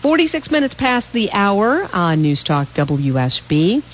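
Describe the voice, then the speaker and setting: A woman's voice: mid-range voice, sing-song, unhurried, dull audio. A woman hosting a radio call-in show, giving direct, explanatory advice in a conversational way. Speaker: radio call-in host, financial adviser.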